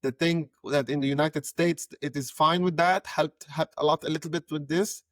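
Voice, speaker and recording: A man's voice: fairly high pitch, steady tone, normal speed, fairly bright tone, dry recording. A young adult man from Lebanon, a podcast guest speaking conversationally and often repeating words as he thinks. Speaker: guest, head of growth. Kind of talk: casual interview talk.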